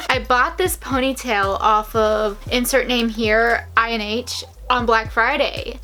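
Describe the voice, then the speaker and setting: A woman's voice: a little high, a bit bright. Chatty self-mocking young woman vlogger. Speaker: beauty vlogger. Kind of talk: casual hair tutorial chat.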